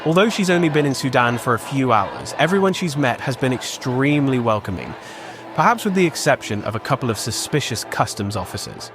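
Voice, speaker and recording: A man narrating a documentary podcast in a measured, scripted delivery. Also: medium pitch, sing-song, over music. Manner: measured and clear.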